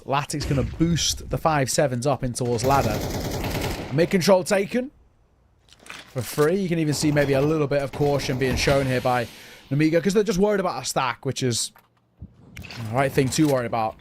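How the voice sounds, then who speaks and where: A man's voice: medium pitch, normal speed. A man commentating live on an esports match as a play-by-play caster. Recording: noisy, game gunfire and clicks behind.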